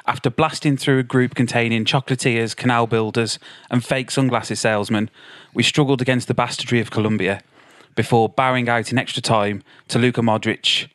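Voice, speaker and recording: A man's voice: mid-range voice, fairly even intonation, fairly quick, few pauses, fairly bright tone, no echo. A man hosting a casual podcast with friends, delivering a dry, jokey recap. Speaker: podcast host.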